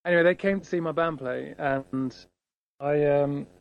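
A man with a fairly high voice and vocal fry, speaking at a moderate pace, is a guitarist guest telling a rambling story in casual conversation. He leans heavily on fillers and acts out quoted lines. The sound is lo-fi.

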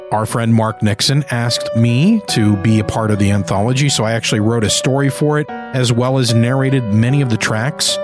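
A man hosting a podcast in a scripted presenter style. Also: medium pitch. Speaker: podcast host and narrator.

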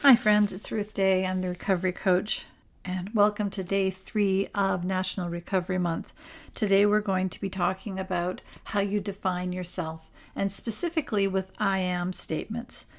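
A woman speaks as a recovery coach in a motivational podcast monologue. Her voice has a gravelly, creaky texture at a middle pitch. She addresses listeners in an earnest, encouraging way. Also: flat delivery, moderate pace.

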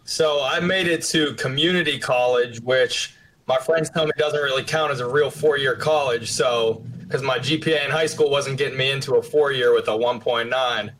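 A man's voice: mid-range voice, moderate pace, a bit bright, a little hiss or hum, low-quality recording. Brief: young man, early twenties, podcast guest, plain and matter-of-fact, mid-range voice. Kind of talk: casual interview answers.

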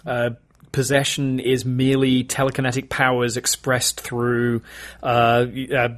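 A man's voice: mid-range voice, monotone. A man co-hosting a casual film podcast, rattling off long opinions with frequent laughs. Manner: fast, rambling opinions with laughs. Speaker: podcast co-host. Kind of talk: casual chat, film review.

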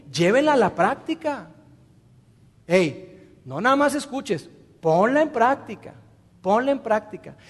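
A man preaching a sermon as pastor, earnest, repeating key words and speaking straight to the listener. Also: high voice. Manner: earnest, repetitive emphasis, direct address to listener. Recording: long reverb of a large hall.

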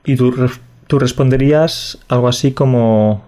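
Guy in his 20s from catalonia, podcast cohost, chatty, teaches phrases nice and slow. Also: medium pitch, warm tone. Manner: patient, teaching phrases slowly. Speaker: podcast co-host. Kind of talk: casual podcast chat.

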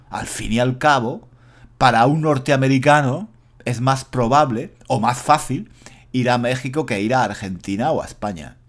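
A man in his fifties from Granada, a Spanish teacher giving a slow, clear monologue for learners, stopping to name grammar points as he speaks. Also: mid-range voice. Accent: standard Spanish, faint Andalusian trace. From Granada, Spain. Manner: clear, deliberate, names grammar points aloud.

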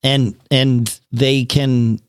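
A man's voice: mid-range voice, level tone, extremely slow, smooth, no room sound, clean studio sound. A man co-hosting a podcast in casual chat, often repeating words as he starts his sentences. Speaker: podcast co-host.

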